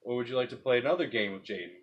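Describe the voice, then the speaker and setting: Male ghost-hunt lead, average pitch, informal and halting, asking questions aloud. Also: expressive, dull audio. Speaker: paranormal investigator leading an EVP session. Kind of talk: casual talk and spoken questions to a spirit.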